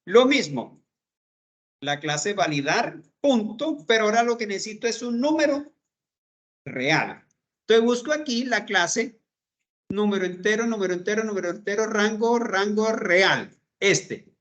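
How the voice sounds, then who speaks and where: Slow, lively-voiced man teaching code. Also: sits high, lo-fi sound. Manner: slow, step-by-step explaining, checks in with "¿verdad?". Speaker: programming teacher. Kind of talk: screen-recorded coding lesson.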